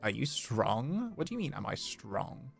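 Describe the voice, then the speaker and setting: This streamer speaks in a mid-range, sing-song voice with vocal fry, taking his time as he plays a video game. He's playful and chatty, repeating phrases and occasionally voicing the dialogue, with game music in the background.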